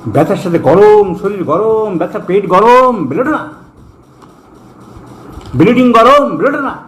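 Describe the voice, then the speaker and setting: A man's voice: high voice, lively intonation, a little slow. Emphatic man lecturing in a roomy space. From India. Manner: emphatic, scolding, repeats phrases for stress; mixes English terms into speech. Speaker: homeopathic doctor teaching.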